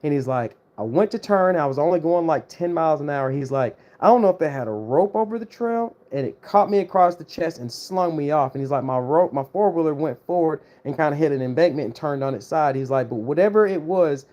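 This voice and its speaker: A man's voice: a little high, brisk, few pauses. A man hosting a livestream, casually telling an eerie personal story and acting out the voices of the people in it. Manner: animated, acts out quoted voices. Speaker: host.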